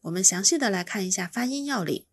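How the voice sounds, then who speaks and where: A woman's voice: mid-range voice, expressive, fast talker, slightly rough, dry recording. A woman teaching pronunciation, patiently explaining each sound and demonstrating it by repeating it. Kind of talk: slow instructional explanation.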